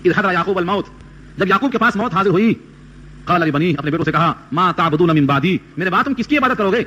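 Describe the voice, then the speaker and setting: A man's voice: high-pitched, expressive, bright, forceful tone. A man giving a Quran commentary sermon, explaining step by step and quoting Arabic verses. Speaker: Quran teacher.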